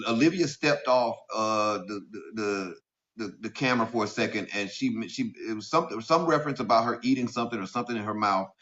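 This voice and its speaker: A middle-aged man hosting a live stream, questioning a guest in a halting, accusing way full of restarts. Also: fairly high pitch, a bit bright. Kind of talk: confrontational questioning. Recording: muffled lo-fi audio.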